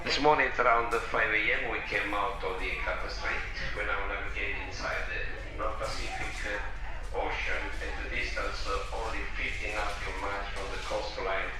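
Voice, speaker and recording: A man, the ship's captain, giving a formal announcement over the ship's intercom loudspeaker, steadily reading out figures with small hesitations. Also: fairly low pitch, steady tone, moderate pace, background noise. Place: ship's bridge, heard in a cruise ship's public area. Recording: echoey loudspeaker announcement heard through the room.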